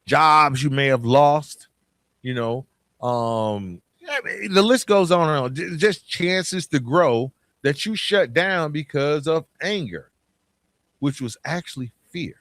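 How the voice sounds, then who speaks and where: Slow and deliberate, this man's higher voice has a fairly bright tone, recorded at studio quality with no room sound. As a podcast host from Atlanta in the southern United States, he gives a loose, emphatic motivational monologue, often repeating himself and posing questions.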